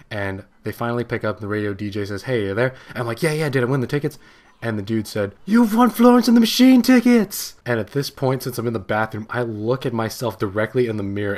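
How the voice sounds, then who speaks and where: A gaming channel host in his late teens tells a personal story as commentary over gameplay, his voice sitting a little low. He rambles and grows excited as he goes.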